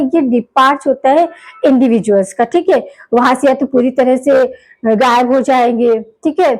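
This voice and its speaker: A high-pitched woman teaching biology in a lecture style. She keeps posing questions and then answering them herself, checking in with her class. She slows right down when she spells out key terms. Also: a little mellow, rough recording. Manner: mixes English terms into Hindi speech.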